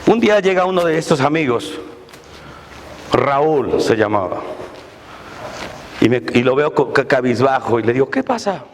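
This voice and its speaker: A man in his forties, a pastor preaching a sermon with rising intensity and occasional shouts. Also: medium pitch, normal speed, long pauses. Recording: echoey hall, faint noise.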